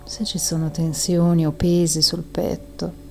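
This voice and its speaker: A woman leading a guided breathing meditation in a soft, soothing and calming manner, with long audible exhales. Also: fairly low pitch, measured pace, creaky, soft background music.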